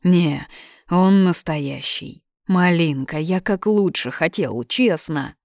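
Brief: woman reader doing cocky young male student, teasing, lower-ish voice. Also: slow pace, darkish tone, no room sound, studio quality. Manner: teasing, playful.

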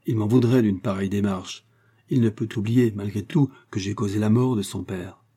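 A man voicing an excitable young working man in an audiobook. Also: lowish voice, moderate pace, breathy edge. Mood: exuberant. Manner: exuberant, excitable.

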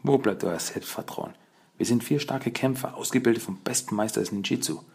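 A man voicing an earnest young male turtle leader in an audiobook, speaking slowly and with emphasis. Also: mid-range voice, creaky, a little mellow, husky, voice pushed up. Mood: skeptical rousing.

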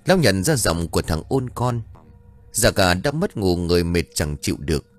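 Low, lively male storyteller. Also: moderate pace. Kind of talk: scripted ghost story narration.

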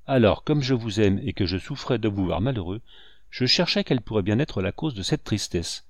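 Brief: male reader doing a contrite captain begging forgiveness, fairly low voice, dry close sound. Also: animated, fairly quick, dry recording. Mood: pleading, contrite. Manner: humble, pleading, contrite. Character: devoted, remorseful male captain, humble and pleading.

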